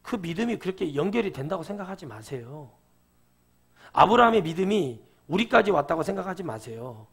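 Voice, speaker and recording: A middle-aged man preaching a sermon in a church sanctuary, his voice pitched high and rough with gravel. He talks in a conversational way and keeps asking the congregation questions. His tone is husky rather than clean. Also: sing-song, a little fast, a bit bright. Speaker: pastor.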